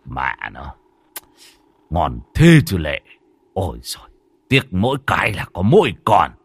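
A man voicing a coarse, greedy older village husband who curses gruffly. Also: sits low, wildly swooping pitch, measured pace, dry recording, full character voice. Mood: relishing. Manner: gruff, cursing.

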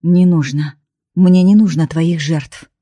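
A despondent young man in a cell turns away from his beloved in an audiobook, read by a woman. His words come out muffled and flat, low and dark. The voice is husky and sits close and dry. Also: takes it slowly, no echo. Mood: cold. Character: young male prisoner, despondent, pushing lover away. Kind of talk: audiobook dialogue reading.

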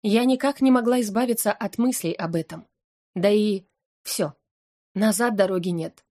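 A woman's voice: mid-range voice, normal speed. Woman narrating an audiobook expressively. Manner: expressive, anxious and wry. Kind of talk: first-person audiobook narration.

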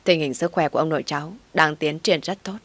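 A woman reading a calm head doctor. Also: sits low, quick pace. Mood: reassuring.

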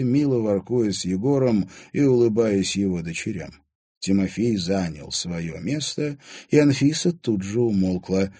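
A man narrating an audiobook in an expressive storytelling manner. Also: fairly low pitch, slightly rough.

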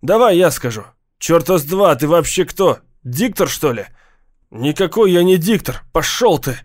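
A man voicing a rowdy, foul-mouthed teenage gang boy who shouts and jeers. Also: a little high, animated, moderate pace, pitched above the performer's own voice. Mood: jeering. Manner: loud, jeering, shouting.

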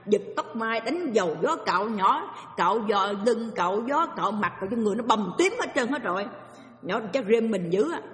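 A woman giving an animated dharma talk as a Buddhist teacher, telling stories and asking her listeners questions. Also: a little high. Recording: echoey hall.

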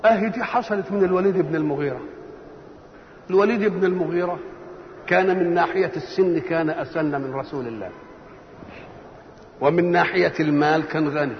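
Fast Egyptian man teaching, echoey hall. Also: fairly high pitch. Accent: Egyptian Arabic. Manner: rhetorical questions, acts out everyday examples. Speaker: Quran commentator. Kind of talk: colloquial religious lesson. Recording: echoey hall, dull lo-fi tape, faint hiss.

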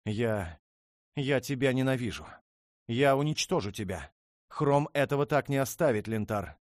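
A man voicing a proud, hot-tempered young dragon princess in an audiobook, with loud, shrill outbursts. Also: lively intonation, measured pace, no room sound, studio quality. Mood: furious. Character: haughty, furious young dragon princess, female.

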